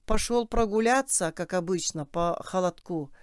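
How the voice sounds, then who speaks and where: Кастинг: женщина читает за робкого тихого мужчину, чуть ниже обычного, чистый голос. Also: female voice, on the low side, moderate pace, clean tone, no room sound, studio quality, natural voice. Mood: timid. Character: man questioned about seeing monkeys, timid.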